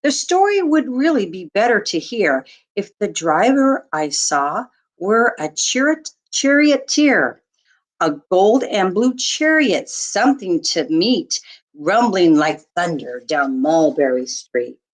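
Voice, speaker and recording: In a mid-range, sing-song voice, a woman reads a rhyming picture book aloud to young listeners. She sounds like a teacher, storytelling expressively and deliberately.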